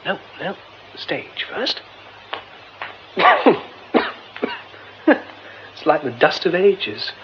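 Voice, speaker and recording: Radio drama: a jumpy theatre man, high and lively, stammers when rattled, dull lo-fi hiss. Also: very slow, pauses often, exaggerated voice. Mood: musing. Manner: mutters to himself, stammers when flustered. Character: young male theatre man, nervy, quick to panic.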